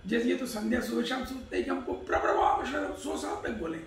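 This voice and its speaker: A man's voice: very high-pitched, brisk. A man giving a Hindi religious discourse, reciting Sanskrit verses and explaining them, asking questions and answering them himself. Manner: explanatory, asks and answers his own questions. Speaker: Vedic discourse speaker. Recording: echoey room, distant mic.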